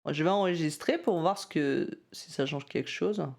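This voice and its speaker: A man's voice: a little high, moderate pace, creaky, darkish tone. A man walking through a music-selling site's settings in a casual screen-recorded tutorial, talking loosely with lots of hesitations and self-deprecating asides.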